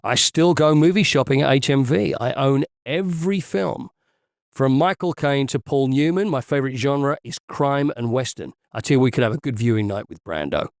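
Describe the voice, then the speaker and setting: A man's voice: medium pitch, animated, normal speed, dry recording, studio quality. Chatty middle-aged man. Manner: chatty film buff, rambling anecdotes. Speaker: podcast co-host. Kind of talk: casual chat.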